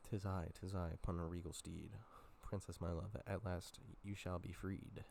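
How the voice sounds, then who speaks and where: A man reading the lines of a vain, hammy stage prince in a slow, sing-song rhyme. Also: low voice, flat delivery, gravelly, a little mellow, slight background noise. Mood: theatrical.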